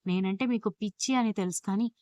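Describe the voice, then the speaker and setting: A woman's voice: mid-range voice, fast, warm tone, no echo, studio quality, close to an everyday voice. A woman voicing a playful chatty young wife.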